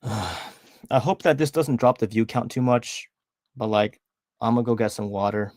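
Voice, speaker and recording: A young man streams casually, reading chat messages aloud and rambling with frequent restarts, correcting himself and laughing at himself. An underbite holds his tongue back. His voice is medium in pitch and a little mellow, with a measured pace, in studio-quality audio with no room sound.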